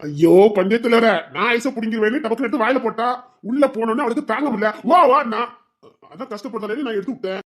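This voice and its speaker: A man playing a cheeky young village man, who whines and protests his excuses. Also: very high-pitched. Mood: protesting. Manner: whining, protesting, rapid excuses.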